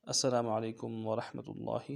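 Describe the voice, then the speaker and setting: A man with a Pakistani Urdu accent teaching Quran reading, who spells out syllables slowly and drills them, then rushes through quiet explanations. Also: medium pitch, flat delivery, creaky. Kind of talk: slow drilled recitation lesson.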